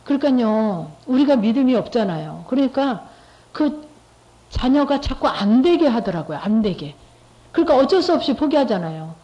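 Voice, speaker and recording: A woman's voice: fairly high pitch, sing-song, normal speed, warm tone. Middle-aged woman testifying, dull lo-fi. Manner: conversational, repetitive, with rhetorical questions to listeners. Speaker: lay church speaker giving testimony. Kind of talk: testimony talk to a church group. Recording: dull lo-fi recording.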